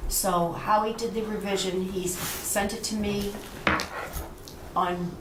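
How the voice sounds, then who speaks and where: A woman's voice: mid-range voice, fairly even intonation, a little slow. Woman staff member at a board meeting, recorded on old camcorder audio from across a hissy, echoing room. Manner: explains procedures step by step, with restarts. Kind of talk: casual meeting talk. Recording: echoey room, distant camcorder mic, hissy.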